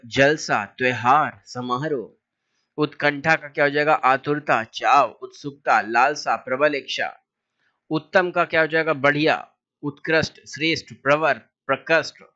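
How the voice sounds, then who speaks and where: A man teaching as a language teacher, reciting lists of synonyms in a steady, drilling way with short asides. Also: a little high, a little slow, dull audio. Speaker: Hindi teacher.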